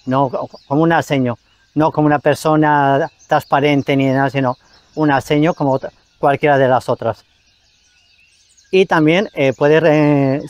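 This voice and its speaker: A man's voice: on the high side, no echo. Hesitant man, dry outdoor sound. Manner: hesitant, frequent fillers. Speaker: presenter and spiritual teacher. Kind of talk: explanatory talk.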